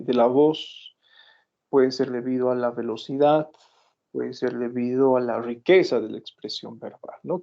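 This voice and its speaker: A middle-aged medical lecturer teaches a class online in a mid-range, creaky voice, quizzing his students with repeated questions and sharing everyday anecdotes. The audio has its highs cut off.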